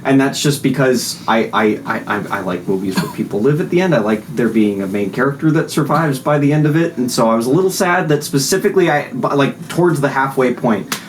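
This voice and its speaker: A man's voice: mid-range voice, expressive, brisk. Man in casual film chat, faint noise. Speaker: film review show host.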